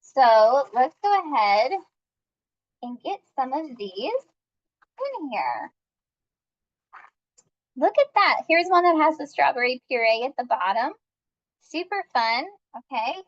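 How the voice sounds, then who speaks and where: A woman's voice: high-pitched, expressive, slow pace, long pauses, lo-fi sound. A woman leading a live-streamed cooking class, upbeat and chatty as she talks viewers through each step.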